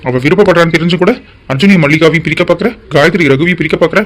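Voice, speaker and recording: A man's voice: a little high, fairly bright tone, close to an everyday voice. A man voicing a stern middle-aged father in a cartoon drama, scolding his scheming wife. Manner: rapid, scolding. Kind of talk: Tamil cartoon drama voice acting.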